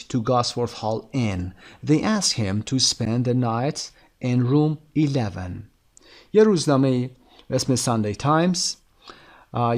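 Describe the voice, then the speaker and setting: A man with a Persian accent teaching an English lesson. He says English words slowly and carefully, then explains them in quick Persian. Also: medium pitch, darkish tone. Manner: switches between careful slow English examples and quick explanations. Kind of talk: recorded language lesson.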